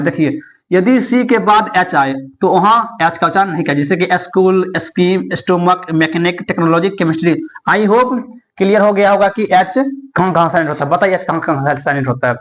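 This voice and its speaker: High-voiced man teaching English. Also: a little fast, fairly bright tone. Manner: repetitive, asks and answers his own questions. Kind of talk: classroom-style explanation.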